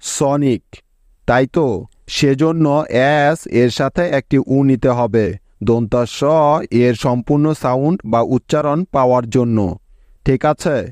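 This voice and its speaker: Patient male tutor, unhurried spelling lesson, dry close sound. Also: medium pitch, a little mellow, no echo. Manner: patient, checks in with learners. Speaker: English reading teacher. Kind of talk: slow step-by-step spelling lesson.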